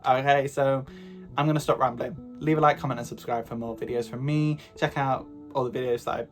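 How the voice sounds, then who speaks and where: A young man with a slightly raspy voice, chatting casually and rambling to camera as a book vlogger. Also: medium pitch. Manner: chatty, rambling, self-deprecating.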